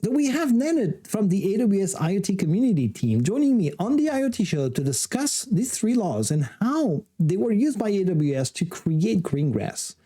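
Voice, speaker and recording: Mellow-voiced man hosting a tech show. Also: high-pitched, sing-song, moderate pace, hardly any pauses, slightly rough. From France. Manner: chatty, upbeat, with small laughs. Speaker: show host. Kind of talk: casual tech interview.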